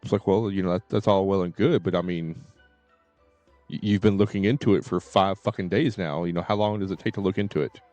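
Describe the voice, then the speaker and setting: On a livestream, a man chats casually in a low, steady, warm voice at a slightly fast clip. He rambles informally, curses mildly, and keeps repeating "you know." There's no room sound, just faint game music and dialogue behind him.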